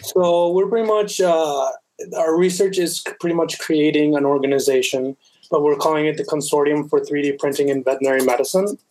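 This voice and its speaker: A man's voice: a little high, steady tone, a little fast, darkish tone, poor audio. A man in his twenties from Colombia, a veterinary student guest speaking earnestly with many fillers and restarts. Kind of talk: casual interview.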